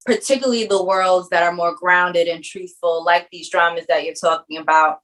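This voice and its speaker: A woman's voice: lowish voice, fairly even intonation, normal speed, fairly bright tone, low-quality recording. A woman filmmaker with a Caribbean background who grew up in New York, answering interview questions in a reflective, earnest way. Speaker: filmmaker guest.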